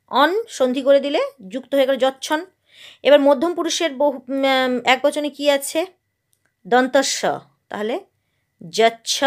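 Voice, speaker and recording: A woman from West Bengal teaching a Sanskrit grammar lesson, asking her own questions and drilling verb forms. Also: high-pitched.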